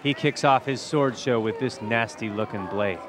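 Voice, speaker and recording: A man reports a light TV feature, reading scripted narration in punchy phrases with playful, dramatic build-ups, his voice medium-pitched at a moderate pace. Crowd chatter and clear outdoor fair ambience fill the background.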